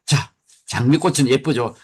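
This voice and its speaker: A man's voice: mid-range voice, normal speed, husky. A middle-aged man giving a lecture on short poems in a folksy way, asking the audience questions and answering them himself.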